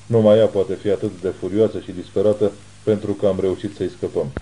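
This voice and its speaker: A man reading the lines of a private detective who speaks in a measured, reassuring way. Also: on the low side, little pitch movement, mellow, lightly acted, low-quality recording. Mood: grave.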